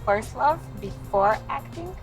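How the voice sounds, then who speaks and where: A woman with a high voice hosts an interview, asking her questions with open enthusiasm. She sounds a little far from the mic, with faint music underneath. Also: expressive, slow. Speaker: interview host. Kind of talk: interview hosting.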